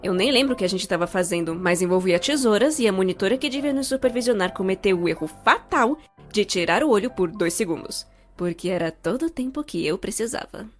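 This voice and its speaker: A woman with a Brazilian accent narrates an animated story from a comedic script, expressive and playfully sarcastic, in a medium-pitched voice at a brisk pace. Music plays in the background.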